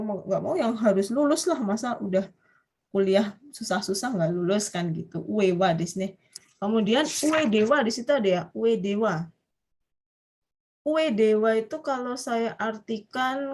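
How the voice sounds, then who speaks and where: A woman's voice: mid-range voice, expressive, normal speed, a little mellow. A woman with an Indonesian accent teaching a Japanese grammar class online, explaining step by step and often putting questions to her students.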